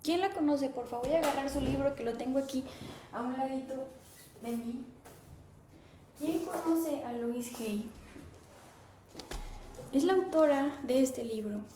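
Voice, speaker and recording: A woman in her thirties hosting a live stream, chatting casually and reading viewer comments aloud in a warm, conversational way. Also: high voice, unhurried, long pauses, background noise. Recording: echoey room.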